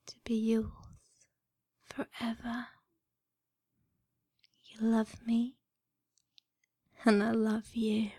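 A woman voicing a seductive, adoring dream woman in a sultry, intimate whispered role-play, with breathy narration. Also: a little high, a little mellow, dry recording, clean studio sound, full character voice.

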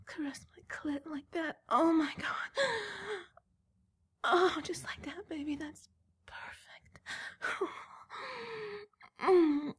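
Breathy whispering woman, high voice. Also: steady tone, slow pace, a bit bright. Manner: breathy whispering broken by moans. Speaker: erotic audio performer. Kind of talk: whispered erotic roleplay.

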